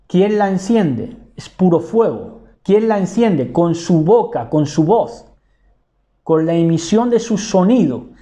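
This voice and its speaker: Mellow-voiced man preaching a sermon. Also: high-pitched. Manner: asks rhetorical questions and answers them himself; repeats and rephrases key words. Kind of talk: bible teaching sermon.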